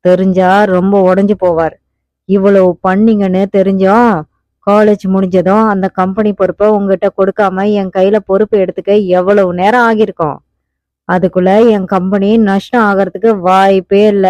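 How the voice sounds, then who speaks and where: A woman's voice: mid-range voice, flat delivery, moderate pace, darkish tone, dry recording, natural voice. A woman voicing a desperate young husband. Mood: commanding, angry. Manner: pleading then commanding. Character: anguished young husband, fierce when roused. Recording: dull, muffled audiobook recording.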